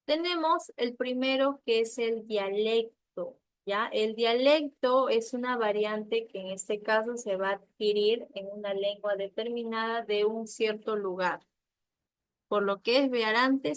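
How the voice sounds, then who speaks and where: A woman from Peru with a Peruvian accent teaching an online class, explaining step by step and often checking with quick tag questions. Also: fairly high pitch, no room sound. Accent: Peruvian Spanish.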